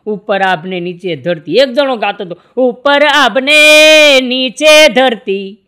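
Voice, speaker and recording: On stage, a Gujarati man from India tells jokes as folksy stories, voicing the dialogue with shifting pitch. His stand-up delivery has a bright, forceful tone, with slight background noise.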